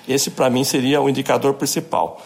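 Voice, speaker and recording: A man, an epidemiologist being interviewed, explaining in a measured way with occasional thinking pauses. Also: mid-range voice, level tone, gravelly, darkish tone. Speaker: epidemiologist guest. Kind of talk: expert interview answers.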